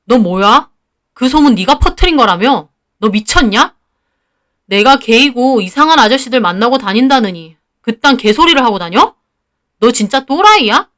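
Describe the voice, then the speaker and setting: A woman reading the part of an indignant, fed-up teenage boy, speaking in forceful outbursts. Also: a little high, animated, normal speed. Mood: angry.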